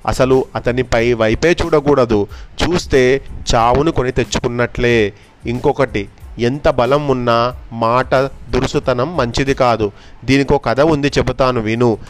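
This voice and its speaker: A man reading a fable aloud in a slow, deliberate storytelling manner, then explaining its lesson to a child. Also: medium pitch.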